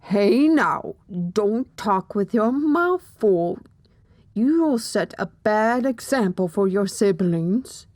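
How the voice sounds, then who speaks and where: A woman's voice: mid-range voice, animated, takes it slowly, darkish tone, no room sound, clean studio sound. A woman doing a stern mother mare. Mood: scolding. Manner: scolding, firm. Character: stern motherly mare scolding her son. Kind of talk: audiobook character voice.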